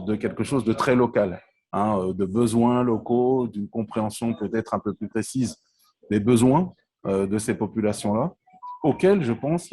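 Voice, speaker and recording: A mellow, lowish-voiced man from Congo in his forties, a telecom entrepreneur, is a guest in an interview. He answers questions hesitantly, with lots of fillers and restarts.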